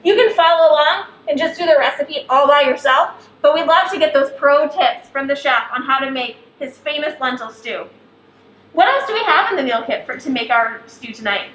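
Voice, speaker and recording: A woman's voice: high-pitched, lively intonation, moderate pace, fairly bright tone. A woman hosting a live cooking show, upbeat and talking straight to the viewers at home. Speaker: host. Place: kitchen. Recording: echoey kitchen, faint background noise.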